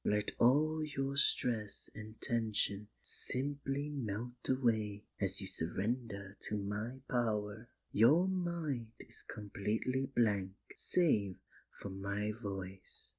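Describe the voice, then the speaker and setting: In a scripted ASMR roleplay, a man voices a sinister, possessive stage magician who doubles as a soothing hypnotist. He speaks slowly in a soft, breathy, lowish voice, coaxing and commanding by turns while showering the listener with theatrical, condescending endearments.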